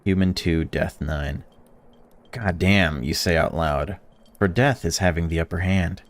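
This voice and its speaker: A young man, a gaming YouTuber, reads a visual novel aloud in a let's-play and reacts as he goes, swearing freely and swinging between excited outbursts and flat reading. His voice sits low and moves a little slowly.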